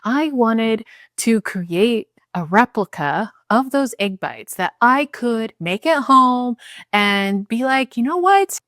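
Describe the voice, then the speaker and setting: Woman, home cook, unhurried talk, dry sound, chatty, laughs at herself, careful step-by-step. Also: a little high, expressive, fairly bright tone, no room sound. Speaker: home cook showing a recipe. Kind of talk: casual cooking tutorial. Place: home kitchen.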